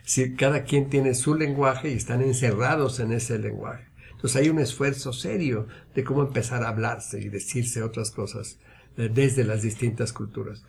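A man's voice: medium pitch, fairly even intonation, normal speed, creaky, darkish tone, slight background noise. A man speaking as a university guest on a radio program, earnest and emphatic, building his points through repetition. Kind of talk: reflective radio interview talk.

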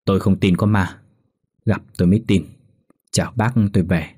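A man voicing a brash farmer in his fifties, booming and blunt, who scoffs at ghost stories. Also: fairly even intonation, normal speed, a little mellow, husky, dry recording. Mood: dismissive.

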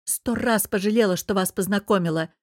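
A woman's voice: medium pitch, brisk, no echo, clean studio sound, close to an everyday voice. A woman reading an audiobook who voices a jealous, scheming young woman with a sulky, purring, spiteful manner. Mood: reproachful.

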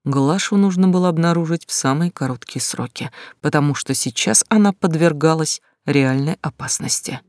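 An audiobook narrator reading a crime story in an even, measured way. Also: mid-range voice, no echo, studio quality.

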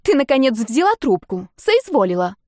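A woman's voice: fairly high pitch, very animated, moderate pace, darkish tone, dry recording, clean studio sound. A woman voicing an indignant young female friend who scolds and exclaims in shock.

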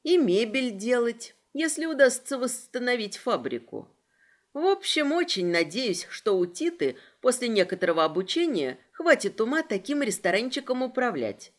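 A woman's voice: a little high, sing-song, normal speed. Woman narrating a novel expressively. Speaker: audiobook narrator. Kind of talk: first-person novel narration.

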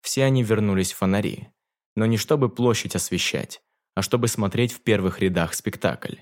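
A man narrating a fantasy audiobook in a measured, dramatic reading. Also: fairly low pitch.

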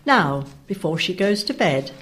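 Eager flustered young dairymaid, high and breathless, man putting it on, storybook reading. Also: sing-song, unhurried, a bit bright, exaggerated voice. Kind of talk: reading children's verse aloud.

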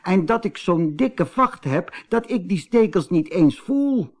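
A man doing a squeaky cheeky rabbit. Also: animated, takes it slowly, full character voice. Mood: gloating. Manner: squeaky, bossy and pleading by turns. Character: cheeky, boastful young male rabbit trickster.

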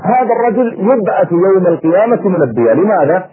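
A man's voice: sits high, sing-song, fast talker, a crowd in the background. A man preaching an impassioned sermon to his listeners, acting out the voices in the stories he tells. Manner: impassioned, acts out dialogue. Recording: tinny phone-like radio sound.

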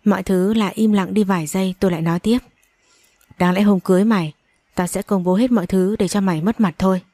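Storybook narration with acted dialogue comes from a woman whose medium-pitched voice is mellow, fast, and fairly even in intonation. As an audiobook narrator she voices every character in the dramatic story with strong emotion, in a dry recording.

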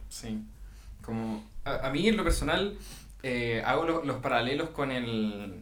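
Calm Chilean man in an echoey room. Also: medium pitch, a little slow, very noisy. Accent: Chilean Spanish. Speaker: podcast co-host. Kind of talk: casual chat.

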